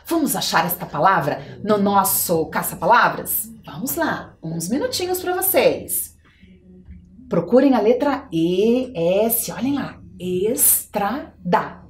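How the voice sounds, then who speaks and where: Lively Brazilian teacher woman. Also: mid-range voice, slight background noise. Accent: Brazilian Portuguese. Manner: encouraging, drawn-out words for young children. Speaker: schoolteacher. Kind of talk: televised children's lesson.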